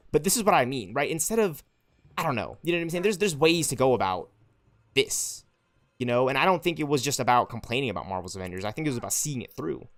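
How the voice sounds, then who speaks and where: The recording is dry, capturing a medium-pitched, slightly bright male voice. He is in his twenties, streaming a game and passionately rambling to his chat, often tagging on "right?" and "you know what I'm saying?".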